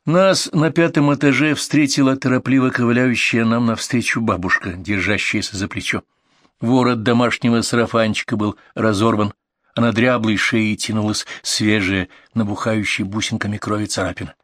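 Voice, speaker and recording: A man reading a story aloud as first-person narration, steady and matter-of-fact. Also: on the low side, moderate pace, no room sound, clean studio sound. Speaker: audiobook reader.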